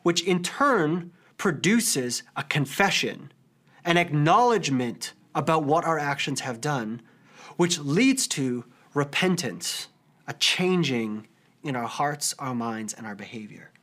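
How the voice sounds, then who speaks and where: A man's voice: on the high side, expressive, takes it slowly, fairly bright tone. A pastor in his thirties preaching a sermon, earnest and conversational, telling stories with casual fillers.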